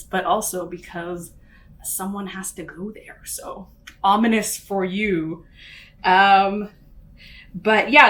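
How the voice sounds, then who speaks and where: A young Canadian woman, an author and vlogger, chats casually while cooking, laughing often and using lots of fillers. Her voice is mid-range and a bit bright.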